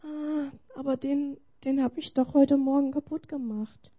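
A woman voicing a shy eight-year-old boy in a story she tells during a sermon, pitched higher and often whispering. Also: fairly even intonation, measured pace, dark tone, muffled recording. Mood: sheepish.

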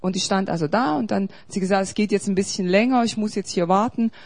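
A woman pastor preaches, her voice sitting at an ordinary middle pitch. She moves from loud, urgent appeals to a low, intimate storytelling tone and back again. It is the delivery of someone who talks to a congregation every week. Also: fast talker. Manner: emphatic, swings between loud urging and quiet storytelling. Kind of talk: sermon.

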